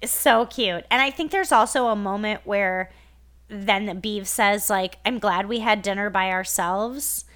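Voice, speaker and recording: A woman's voice: medium pitch, measured pace, smooth. A woman co-hosting a podcast, chatting casually and sarcastically as she recaps a sitcom episode. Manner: animated, sarcastic, quotes characters. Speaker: podcast co-host.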